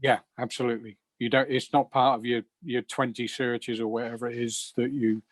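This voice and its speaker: A man's voice: mid-range voice, level tone, brisk, no room sound. A man explaining something casually as a participant on a group call.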